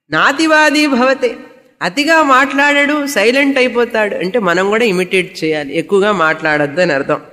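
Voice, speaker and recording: A woman's voice: a little high, bright, forceful tone, big-room sound. A woman spiritual teacher giving a scripture lecture, explaining Sanskrit verses word by word and asking rhetorical questions that she answers herself.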